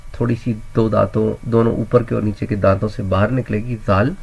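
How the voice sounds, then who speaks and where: Gravelly low-voiced man teaching phonics. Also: level tone, darkish tone. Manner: patient, repeats each sound with drills. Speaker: Quran reading teacher. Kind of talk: slow step-by-step phonics lesson.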